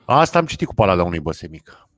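A man's voice: low voice, big pitch swings, a bit bright, no room sound. A man hosting a podcast, reading listener comments aloud in casual chat with dry jokes.

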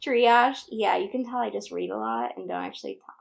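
A woman's voice: mid-range voice, big pitch swings, fast talker, creaky, highs cut off. A young woman co-hosting a casual podcast, earnestly explaining animal facts with small laughs. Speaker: podcast co-host.

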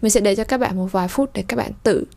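A woman teaching French pronunciation in a lesson, explaining slowly and drawing out model words for listeners to repeat. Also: mid-range voice, gravelly, darkish tone. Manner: slow, drawn-out model pronunciation between explanations.

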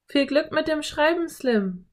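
A woman voicing a brave, excitable young girl in an audiobook. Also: high-pitched, unhurried, voice pushed up. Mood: eager. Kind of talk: audiobook character voice.

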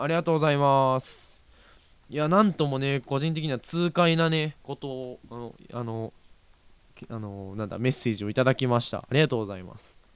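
Chatty young man with a smooth voice. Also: mid-range voice, no room sound. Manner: chatty, rambling, self-correcting, laughs often. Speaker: podcast host. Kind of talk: casual solo radio-style talk.

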